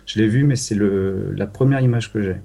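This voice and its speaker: A man's voice: on the low side, normal speed, creaky, dark tone. French-speaking man hosting a podcast. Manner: enumerating, wry, steering the discussion. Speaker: podcast host. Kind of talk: casual retro gaming podcast chat.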